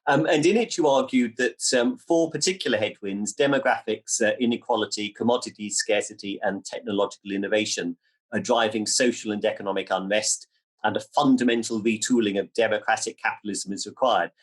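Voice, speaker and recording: A man interviewing a guest, asking questions haltingly and repeating his words. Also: fairly low pitch, husky.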